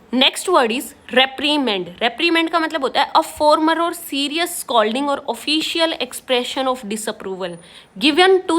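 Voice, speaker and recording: A woman with an Indian accent teaching English vocabulary for exams, explaining in Hindi and reading English example sentences slowly. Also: sits high, fairly bright tone. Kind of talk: exam-prep vocabulary lesson.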